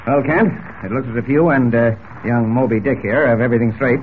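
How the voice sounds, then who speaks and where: An actor playing a brusque, bossy older newspaper editor in 1940s radio drama. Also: male voice, mid-range voice, fairly quick, close to an everyday voice. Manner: blustering, brusque. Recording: tinny old radio recording, faint noise.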